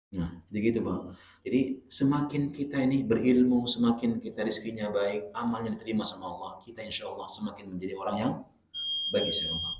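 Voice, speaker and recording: Guy preaching at dawn study, chatty and animated, mid voice, echoey prayer room. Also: fairly low pitch, brisk. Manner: lively, swings from soft asides to loud exclamations; animated storytelling with acted-out quotes. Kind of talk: Islamic dawn study sermon.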